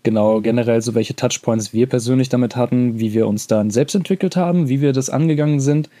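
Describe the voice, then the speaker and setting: A man's voice: medium pitch, brisk, warm tone. A young man co-hosting a podcast, talking casually in a rambling way with slangy asides. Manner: rambling, many restarts and fillers, slangy. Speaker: podcast co-host.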